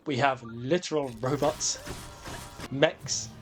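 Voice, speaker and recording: Slow-paced sarcastic man over music. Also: mid-range voice. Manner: sarcastic, sweary. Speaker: video essay host. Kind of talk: scripted comedic game commentary with rambling asides.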